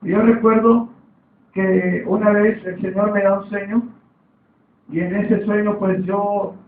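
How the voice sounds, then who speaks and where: A man's voice: high-pitched, flat delivery, unhurried. Preacher man, distant and echoey. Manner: repetitive, calls for amen. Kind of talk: sermon. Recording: echoey, distant, phone-like sound.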